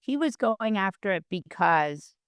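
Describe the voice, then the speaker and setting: A woman's voice: mid-range voice, big pitch swings, a little slow, smooth, dry recording, clean studio sound. A middle-aged woman hosting a political podcast in casual chat, sardonic and profane, repeating words for emphasis. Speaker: podcast host.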